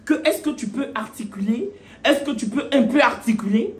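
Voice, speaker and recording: A man's voice: extremely high pitch, moderate pace, roomy sound. A man voicing a curt, formal male director of studies. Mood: impatient.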